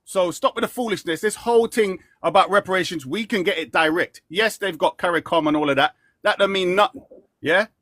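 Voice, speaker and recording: A man's voice: sits high, brisk, a bit bright, no room sound, studio quality. A man arguing heatedly in a live online debate, firing rhetorical questions and slang. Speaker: caller.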